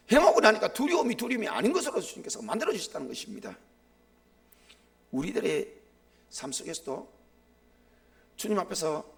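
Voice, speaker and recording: A middle-aged man preaching a live sermon as a pastor, impassioned, swinging sharply between loud and hushed. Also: sits high, creaky.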